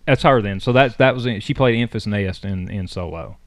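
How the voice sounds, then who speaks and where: A man co-hosting a casual chat show, telling rambling, animated stories about old comic books. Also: fairly low pitch, a little fast, dry recording, studio quality. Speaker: podcast co-host.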